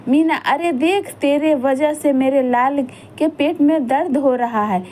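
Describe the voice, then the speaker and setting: A woman's voice: high-pitched, measured pace, darkish tone, a little hiss or hum. Woman playing a sneering cruel stepmother. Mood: scolding. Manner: scolding, sneering.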